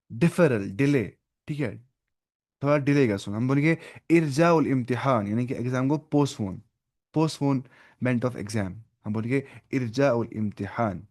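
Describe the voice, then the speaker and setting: A man's voice: mid-range voice, darkish tone. A man with an Urdu-speaking accent teaching an online Arabic lesson, thinking aloud, looking up words and correcting himself as he goes.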